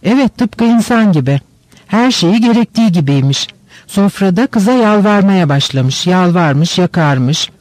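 A man's voice: high-pitched, animated, unhurried, no room sound. A man reading as an old spinster telling a ghost tale. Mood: eerie. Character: unmarried old woman, family companion, fond of spooky tales. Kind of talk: audiobook reading.

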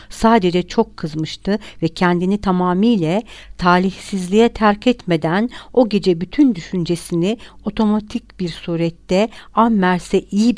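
A woman reading a novel aloud as a steady, measured audiobook narration. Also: lowish voice, no room sound. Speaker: audiobook reader.

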